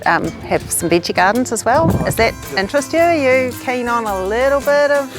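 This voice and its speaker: A woman's voice: on the high side, expressive, a little fast, over music. A woman, speaking as a landscape designer in conversation with clients. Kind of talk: consultation with clients.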